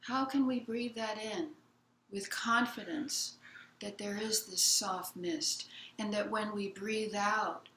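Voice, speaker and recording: A woman Zen teacher giving a gentle, unhurried dharma talk in a meditation hall, retelling a children's picture book for her listeners. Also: mid-range voice, steady tone, a little hiss or hum. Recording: roomy hall sound.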